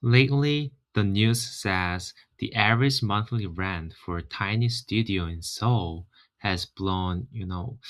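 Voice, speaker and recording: A man's voice: low voice, a bit bright. A man from Korea, speaking with a Korean accent and Korean as his first language, hosting a casual explainer vlog in a friendly, chatty way with frequent "you know" fillers. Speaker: channel host.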